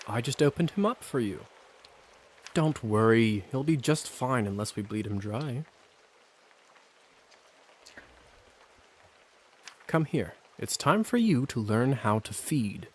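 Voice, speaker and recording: A man's voice: medium pitch, very animated, a little slow. An actor playing an easygoing male vampire mentor in a video game, coaxing and conversational, casually reassuring. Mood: sly, coaxing. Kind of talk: scripted game dialogue.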